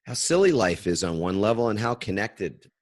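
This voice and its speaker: A man with a very low-pitched voice, hosting a conversational interview. He reflects as he talks, circling and restarting phrases while he works toward his point. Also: big pitch swings, moderate pace. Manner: reflective, thinks aloud with restarts. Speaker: podcast host.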